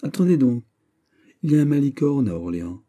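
A man reading an audiobook voices a lively young count of the royal court, bantering and exclamatory. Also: medium pitch, brisk, voice pushed up.

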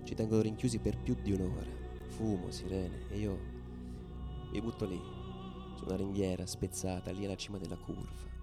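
A low male voice with vocal fry belongs to an actor portraying a fervent football ultra who tells of stadium riots. His theatrical radio monologue shifts between quiet murmuring and loud proclamation, with loud musical backing underneath.

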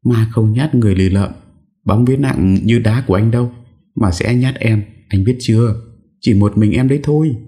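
A man voicing a frightened young wife who pleads and pouts, speaking high and whiny. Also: moderate pace, warm tone, natural voice. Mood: pouty teasing.

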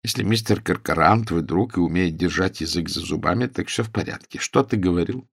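An excitable, fussy middle-aged fight manager, pleading and wailing in an overwrought way, voiced by a male reader. The voice is raspy and gravelly, leaping up and down in pitch, recorded dry and close. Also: brisk, no room sound, full character voice.

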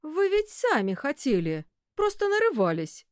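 A brusque, rough-spoken male executive, read by a woman narrator, quick to indignation. The voice swings widely in pitch and sits close and dry on the mic, an audiobook reading. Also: wildly swooping pitch, no room sound, heavily acted. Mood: indignant. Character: brusque middle-aged male commercial director.

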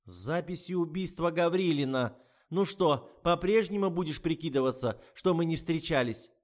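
A man reading an audiobook and voicing a greedy, bullying old woman who shouts her accusations in a high, drawn-out voice. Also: expressive, natural voice. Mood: shrill accusing.

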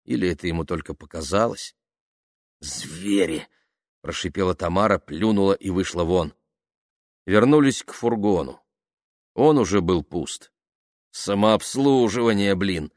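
A man narrating an audiobook in a lively, expressive reading. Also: deep voice, normal speed, no room sound, clean studio sound. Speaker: audiobook reader. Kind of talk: scripted narration.

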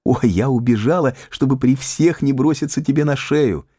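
A man's voice: mid-range voice, moderate pace, breathy edge, no echo, studio quality, pitched above the performer's own voice, lightly acted. A man voicing Pauline, a tender playful young woman. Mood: adoring. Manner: lilting, raised voice, soft and eager. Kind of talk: audiobook character reading.

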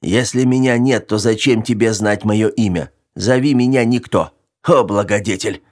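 A man voicing a cantankerous, scrawny old male scientist in a thin falsetto, with shrill, theatrical, indignant outbursts. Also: lively intonation, moderate pace, darkish tone. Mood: wary sarcastic. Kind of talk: audiobook character voice.

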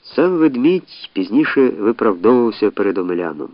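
A man reading a novel aloud in a measured, expressive narration. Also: fairly low pitch, no echo, dull audio. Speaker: audiobook narrator. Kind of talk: scripted narration.

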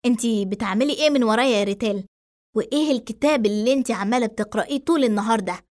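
A woman voicing an irritated, sharp-tongued mother with an Egyptian accent, scolding rapidly. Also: on the high side, lightly acted.

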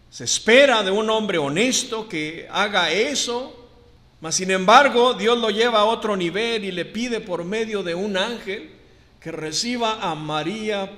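A man's voice: sits high, a bit bright, long reverb tail. A man preaching a sermon to his congregation, drawing out key words for emphasis and calling them brothers.

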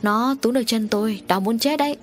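A woman's voice: a little high, fairly quick, faint music behind, close to an everyday voice. A woman voicing a frightened, injured male dock worker who speaks in a trembling, hesitant way, in an audio story.

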